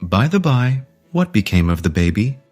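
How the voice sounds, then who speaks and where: Grinning talking cat, storybook fantasy, low-pitched, cryptic, unhurried, matter-of-fact, faint music behind. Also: female voice, sing-song, darkish tone, breathy edge, full character voice. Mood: casual, nonchalant.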